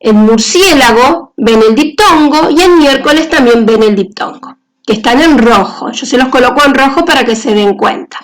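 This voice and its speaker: A woman's voice: high-pitched, moderate pace. A woman teacher giving a grammar lesson on accent marks, talking carefully through example words on slides.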